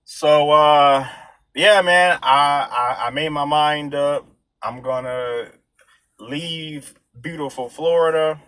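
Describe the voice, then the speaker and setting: Slow-talking man, casual and slangy. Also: a little high, pushed and bright, no room sound. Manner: slangy, street talk. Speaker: vlogger. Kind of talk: casual rambling monologue.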